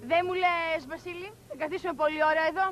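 An actress playing a nagging, quarrelsome wife who shouts and scolds her husband. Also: very high voice, level tone. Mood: scolding. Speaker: Vasilis's wife. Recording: noisy 1980s film soundtrack.

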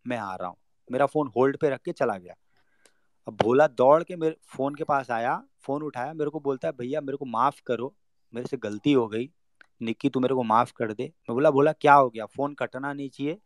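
A young man tells a personal story in casual conversation, acting out what the people in it said and dropping to a low murmur for his own thoughts. There's no room sound.

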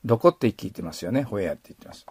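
A middle-aged man teaching English pronunciation, modeling sounds and slowly repeating phrases. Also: on the low side, lively intonation, breathy edge, no echo. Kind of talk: explaining pronunciation in a lesson.

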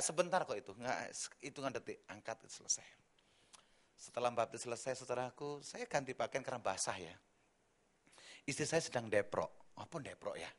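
A middle-aged man preaching a sermon as pastor, with a slight tinge, telling a humorous testimony in an animated, joking way. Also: mid-range voice. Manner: animated storytelling, jokes, mimics his wife and daughters.

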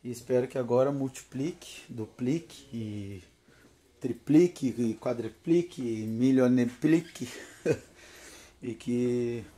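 This man in his thirties, a paranormal vlogger, speaks slowly and warmly at medium pitch with a southern Brazilian accent. Tired after no sleep and a bit nervous, he chats casually and laughs often into a phone held at arm's length, going from his home porch to the inside of a car.

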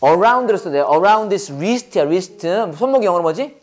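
A man leads an English lesson, his pitch swinging widely as he drills phrases. He fires questions at the class and answers them himself, repeating each phrase for the learners to copy. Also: lively intonation, takes it slowly. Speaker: English teacher.

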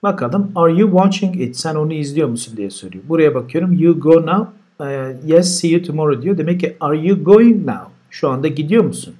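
A man teaching a recorded grammar lesson. He explains step by step, says example sentences slowly and deliberately, and adds dry asides. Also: on the high side, lively intonation, a little mellow, breathy edge. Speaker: language teacher. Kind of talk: recorded grammar lesson walking through exercises.

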